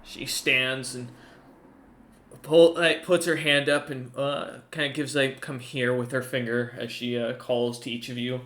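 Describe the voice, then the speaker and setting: A man narrating a tabletop game as game master, improvising in a halting way as he thinks aloud. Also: mid-range voice, little pitch movement, a bit bright.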